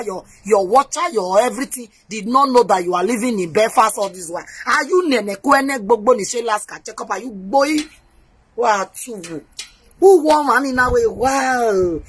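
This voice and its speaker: A woman hosting her own show, mocking and animated as she mixes Pidgin and English. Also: on the high side, breathy edge. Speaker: host. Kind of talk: casual commentary.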